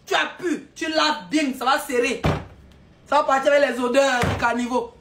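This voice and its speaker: Woman, high pitch, scolding live-stream rant with mocking laughter. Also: normal speed, noisy background.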